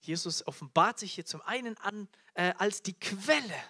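A man's voice: high-pitched, lively intonation, moderate pace, bright, forceful tone. A man preaching a live sermon to a congregation, fervent, often calling out hallelujah and repeating key phrases. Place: church teaching event before a congregation.

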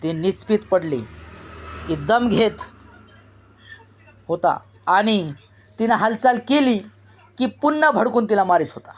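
A narrator reading a novel aloud in a slow, deliberate storytelling manner. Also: medium pitch, lively intonation. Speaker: audiobook narrator.

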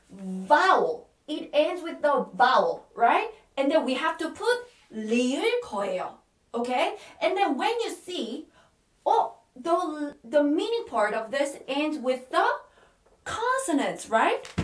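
A woman with a Korean accent gives a language lesson, repeating words slowly and patiently and often checking in with "Okay?". Her voice sits high, and the distant mic picks up an echoey room.

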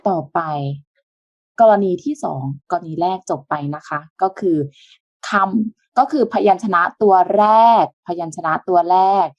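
A woman's voice: on the low side, measured pace, no echo, dull audio. Patient woman teaching a language lesson. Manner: patient step-by-step explaining with soft polite sentence endings.

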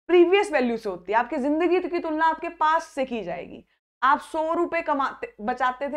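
A woman teaching a live online math class, coaxing her students by name and checking again and again that they follow. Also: sits high.

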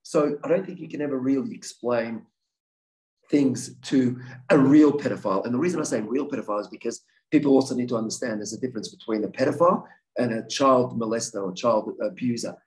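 A man's voice: mid-range voice, brisk, a little mellow, rough recording. Earnest man answering audience questions. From Australia. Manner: earnest, frequent restarts and repeated words. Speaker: guest speaker, victims' advocate.

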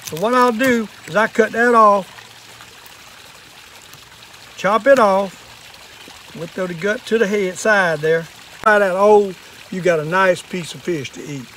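A man's voice: high-pitched, slow pace, long pauses, bright, forceful tone, a little hiss or hum. An older man with a Southern US accent talks like a plainspoken old fisherman, giving a casual hands-on demonstration outdoors. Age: older, 60s or above. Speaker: fishing and fish-cleaning demonstrator. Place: outdoors in a wooded yard at a table.

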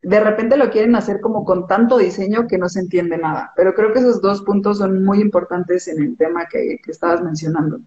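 A woman's voice: medium pitch, brisk, hardly any pauses, a little mellow, roomy sound, highs cut off. A woman with a Mexican accent, an image consultant chatting casually in an interview, explaining with everyday examples.

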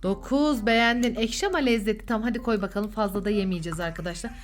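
A woman's voice: mid-range voice, quick pace, faint music behind. A woman hosting a children's vlog as a mother, chatting playfully and coaxing with sing-song questions. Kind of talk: playful casual chat with a child and viewers.

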